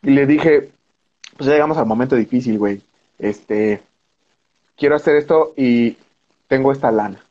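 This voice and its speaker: A man's voice: medium pitch, normal speed, long pauses, warm tone, lo-fi sound. A man with a Mexican accent, a film director guest, telling a long anecdote in casual slang and acting out the voices of the people in it. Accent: Mexican Spanish. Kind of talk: animated storytelling anecdote.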